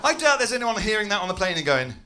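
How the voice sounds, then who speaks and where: A man's voice: high-pitched, sing-song, fast, noisy background. A man with an English accent doing a stand-up comedy set, chatty and self-mocking, with frequent swearing. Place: comedy club stage with a laughing audience. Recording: club audience laughter audible.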